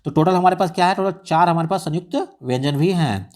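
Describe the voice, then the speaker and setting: A man's voice: fairly high pitch, fast, darkish tone. A man tutoring for an exam, explaining study material with repeated rhetorical questions and English words mixed in.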